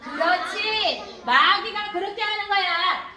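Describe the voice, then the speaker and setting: A woman giving a children's sermon at Sunday school, animated and asking the children questions. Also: very high voice, takes it slowly, echoey room, a little hiss or hum. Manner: animated, questioning the children, acting out little voices. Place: church hall.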